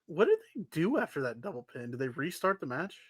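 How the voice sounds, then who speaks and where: A man's voice: on the high side, very animated, a little fast, slightly rough, dry recording. A man co-hosting a wrestling news podcast in a casual, wry, offhand conversational way.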